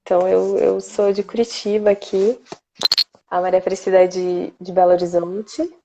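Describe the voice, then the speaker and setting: A woman's voice: medium pitch, flat delivery, moderate pace, vocal fry, noisy background. A woman from Brazil hosting a casual live poetry stream, chatty and greeting viewers by name. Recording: slightly dull lo-fi stream audio.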